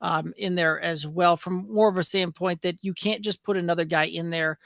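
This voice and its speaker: A man's voice: sits high, steady tone, normal speed, gravelly, a bit bright, no echo, clean studio sound. A man co-hosting a casual fantasy football podcast, talking in a rambling, hesitant way with many fillers, heard over a glitchy, digitized internet call. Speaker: podcast co-host. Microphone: remote call over internet.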